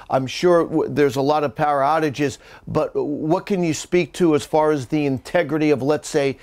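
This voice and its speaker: Higher-voiced male weather news anchor. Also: darkish tone. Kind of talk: live interview questioning.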